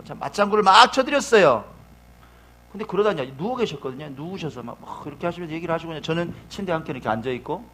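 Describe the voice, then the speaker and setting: A middle-aged man preaching a sermon as pastor, telling a story with emotion, moving between hushed and loud passages. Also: a little high.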